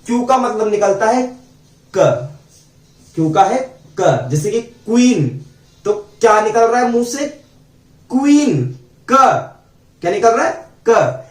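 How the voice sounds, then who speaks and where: Male teacher, high voice, far from the mic in an echoey room, patient phonics drills. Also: expressive, a little mellow. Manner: slow, repeats sounds and asks students questions. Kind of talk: phonics lesson.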